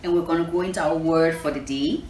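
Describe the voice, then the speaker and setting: This Liberian woman hosts a children's storytelling session, an animated reading and lesson, with a teacherly habit of repeating herself and questioning listeners. Her voice is low-pitched and a little mellow, with fairly even intonation, and she talks fast. The recording has roomy echo and clear background noise.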